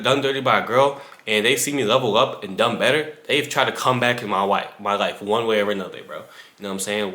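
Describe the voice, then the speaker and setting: A man's voice: mid-range voice, pushed and bright. A man in his twenties giving casual advice straight to the viewer, full of slang and asides. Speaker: fitness creator. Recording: echoey room.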